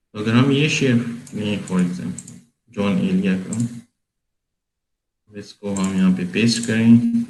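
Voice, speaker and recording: A man tutoring on poetic meter, explaining slowly and patiently with many pauses during a screen-share session. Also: lowish voice, a little mellow, echoey room, poor audio. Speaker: tutor explaining Urdu prosody software.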